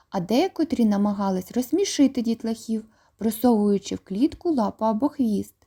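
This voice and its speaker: Mellow-voiced woman reading a children's tale. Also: mid-range voice, husky. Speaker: narrator. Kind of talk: storytelling narration of a children's audiobook.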